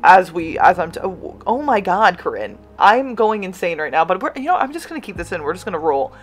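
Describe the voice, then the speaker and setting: A young American woman from the United States with a General American accent and a slight lisp gives a casual, rambling voiceover of her game build. Her voice is fairly low but very animated and a little fast, and she interrupts herself and laughs often.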